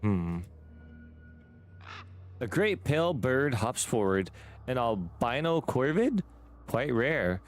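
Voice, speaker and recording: A man streaming a game, reading its story text aloud between playful, joking asides. His voice sits at an ordinary middle pitch, and his delivery stays casual throughout. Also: very animated, takes it slowly, pauses often. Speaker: gaming streamer.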